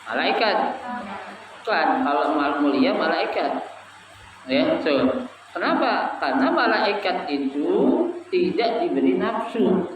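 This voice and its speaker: A man's voice: a little high, lively intonation, takes it slowly, long pauses, a little hiss or hum. A man teaching a religious study group, asking the audience questions and chanting Arabic phrases in a sing-song. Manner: asks the audience questions and lets them answer. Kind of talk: Islamic study lesson to a live group. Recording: echoey room, voice from far off, dull sound.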